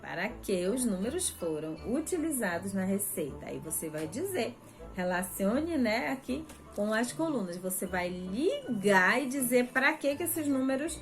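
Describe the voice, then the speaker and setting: Brazilian lady teacher going slow over a worksheet, kinda high voice, soft music behind. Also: very animated. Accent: Brazilian Portuguese. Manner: patient, repetitive, slow step-by-step explaining. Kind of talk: remote first-grade lesson walkthrough.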